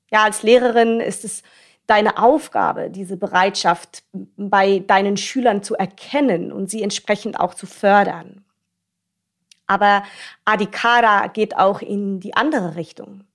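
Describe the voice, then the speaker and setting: A woman podcast host with a medium-pitched voice and plenty of creak. She explains things directly to her listeners.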